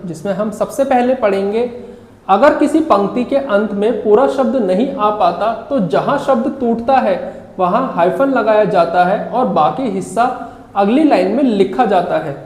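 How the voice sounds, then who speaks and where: A woman teaching an English grammar lesson in Hindi, explaining each rule slowly and carefully with examples. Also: medium pitch, darkish tone. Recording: roomy echo.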